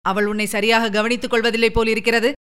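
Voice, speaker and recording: A woman's voice: fairly high pitch, level tone, fast, a bit bright, clear, resonant tone, lightly acted. A woman reading a stern king father. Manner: stern questioning.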